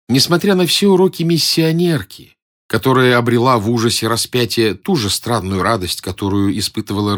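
A man reading a story aloud as its narrator, in an expressive, varied delivery. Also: mid-range voice. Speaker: audiobook narrator. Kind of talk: scripted narration.

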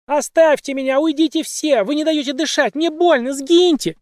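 A man's voice: high voice, animated, normal speed, dark tone, no echo, clean studio sound, voice pushed up. A man voicing a wounded, dazed young woman who cries out in pain and then speaks weakly. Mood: screaming in pain. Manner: screaming in pain, then weak and faint.

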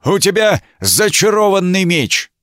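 A man reading a story aloud and voicing a proud, hot-tempered male knight who shouts everything he says. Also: mid-range voice, lively intonation, moderate pace, dry recording, clean studio sound, pitched above the performer's own voice, natural voice. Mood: furious. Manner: shouting, blustering.

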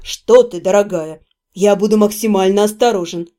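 A woman voicing a calm, ironic young male necromancer in a storybook reading, speaking softly and with mockery. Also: medium pitch, moderate pace, pitched below the performer's own voice, lightly acted. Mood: sly. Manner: soft, mocking.

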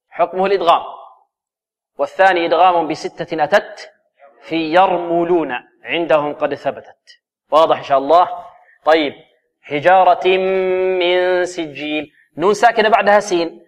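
A man teaching a Quran recitation lesson. He quizzes his students and draws verse words out slowly to demonstrate them. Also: on the high side. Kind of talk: tajweed lesson.

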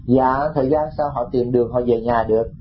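A man's voice: medium pitch, steady tone, a little fast, lo-fi sound, slight background noise. A male Buddhist monk giving a dharma talk, telling stories and addressing the listeners directly. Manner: storytelling, addresses the audience directly.

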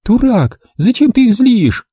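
A man doing a shrill, quick-tempered woman. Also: sing-song, dark tone, breathy edge, no room sound, heavily acted.

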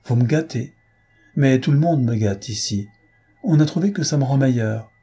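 A man voicing a mischievous, teasing young girl in an audiobook, with a husky voice. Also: medium pitch, normal speed, mellow, pitched above the performer's own voice. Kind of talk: audiobook character reading.

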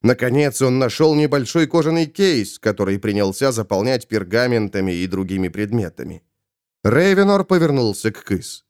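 A man narrating an audiobook in a dramatic, expressive way. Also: mid-range voice, normal speed, clean tone, no room sound, clean studio sound.

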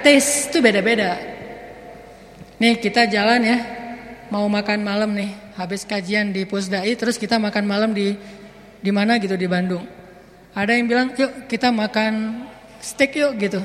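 A man preaching a sermon in a relaxed, joking way, acting out little everyday scenes. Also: sits high. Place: mosque hall. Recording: echoey mosque hall.

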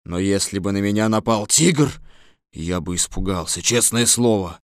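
A man playing a deep-voiced cowardly lion. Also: moderate pace, no room sound, studio quality, close to an everyday voice. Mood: sheepish. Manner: bashful, self-pitying storybook acting. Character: huge cowardly male lion, timid and tearful. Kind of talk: dramatized audiobook reading.

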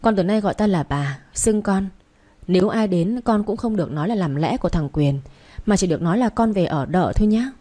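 A woman's voice: medium pitch, expressive, fairly quick, dark tone, close to an everyday voice. A woman reading the part of a stern older mother-in-law who gives firm, threatening commands, in a narrated story.

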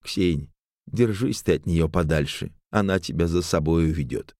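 A frightened old grandmother, as a male narrator puts her on, pleading through her tears. The voice stays low, the reading dry and intimate. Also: moderate pace, darkish tone, no room sound. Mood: tearful. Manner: tearful, pleading.

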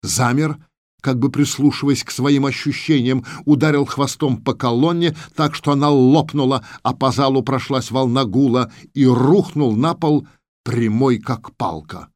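A man's voice: mid-range voice, unhurried, a little mellow, no echo, clean studio sound. A man steadily narrating an audiobook.

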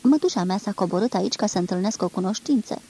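A woman's voice: mid-range voice, animated, breathy edge. A woman reading as a hesitant, anxious teenage girl. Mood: worried. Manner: soft, hesitant, worried replies. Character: anxious fifteen-year-old girl stranded on a train. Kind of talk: literary audiobook dialogue.

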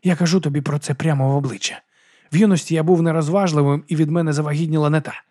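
A man's voice: a little high, steady tone, very fast, dark tone, no room sound, clean studio sound, natural voice. A man voicing a sullen young monk who grumbles wearily. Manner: grumbling, weary.

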